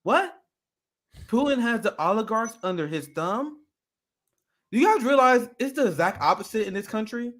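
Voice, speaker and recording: A man's voice: sits high, animated, normal speed, long pauses, fairly bright tone. A young adult man co-hosting a political commentary show, ranting in a heated, profane way. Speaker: co-host.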